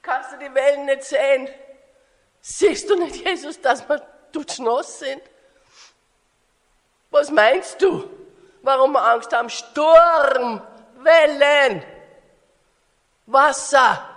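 A woman voicing panicked disciples, calling out loudly and pleading for help. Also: high voice, takes it slowly, long pauses, exaggerated voice. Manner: loud, pleading and frantic. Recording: echoey hall.

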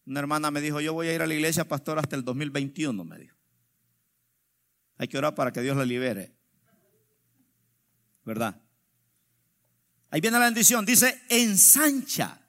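A man preaching a sermon as pastor, drawing out quoted verses slowly and swinging between loud exclamations and quiet asides. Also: on the high side.

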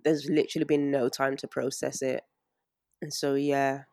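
A woman, an interview guest talking anxiously in a halting way with many fillers and restarts. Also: very deep voice, flat delivery, darkish tone, no room sound, clean studio sound. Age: 20s. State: anxious and strained. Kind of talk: emotional interview.

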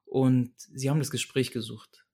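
A man's voice: medium pitch, fairly even intonation, normal speed, mellow, husky. Earnest young man telling a personal story. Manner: earnest, searching, frequent restarts and repetitions. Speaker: guest.

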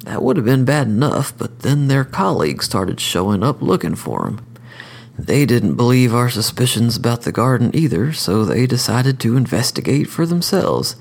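Casting note: deadpan male storyteller, gravelly voice, mid-pitched, dry delivery. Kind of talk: scripted dark comedic narration.

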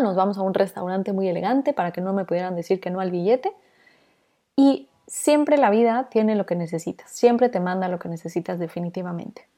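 A young adult woman, hosting a podcast and telling a personal story, lively and acting out the people in it. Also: mid-range voice. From Mexico. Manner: animated, acts out the people in her stories. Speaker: podcast host.

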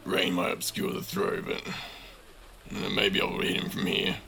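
A man's voice: low voice, expressive, takes it slowly, creaky, bright, forceful tone, full character voice. A man voicing a big, wounded, chained captive who mutters his plans to himself, half whispered. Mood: desperate.

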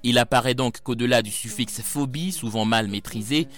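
A man's voice: mid-range voice, normal speed, a bit bright. A man reading scripted documentary narration as the narrator.

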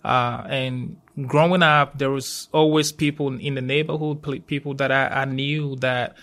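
A man with a Ghanaian accent, a university safety professional, speaks conversationally as an interview guest. His pitch is average and fairly flat, and he proceeds haltingly, often repeating and rephrasing a phrase.

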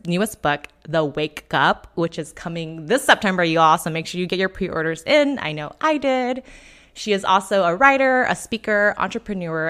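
Effusive low-voiced woman podcast host. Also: a bit bright. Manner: effusive, chatty, addresses listeners as "you all". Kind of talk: podcast hosting.

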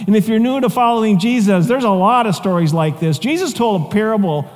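A man preaching a sermon, telling a personal story in a conversational, animated way with asides and chuckles. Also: high voice, brisk. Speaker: pastor. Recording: long reverb of a large hall.

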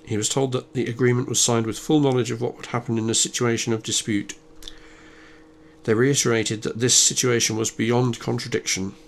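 A man reading a thriller as scripted narration, measured and even, lightly voicing the dialogue. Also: medium pitch, vocal fry. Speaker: audiobook narrator.

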